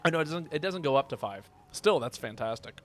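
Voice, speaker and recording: A man's voice: fairly high pitch, animated, fairly quick. A man streaming a video game, chatting casually and rambling as he thinks aloud. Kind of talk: casual live gaming commentary. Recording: clear background noise.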